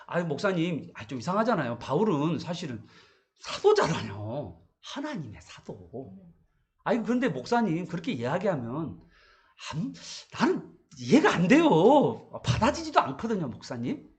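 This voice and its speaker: A man's voice: fairly high pitch, big pitch swings, normal speed, a little mellow, pitched below the performer's own voice. A man voicing a doubting churchgoer. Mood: protesting. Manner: pleading, protesting. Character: doubting churchgoer objecting to the pastor.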